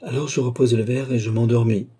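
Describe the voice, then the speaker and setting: Entranced young noblewoman, dreamy and halting, voiced by a man with a husky tone, audiobook. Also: mid-range voice, fairly even intonation, dark tone, voice pushed up, close to an everyday voice. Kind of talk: audiobook character reading.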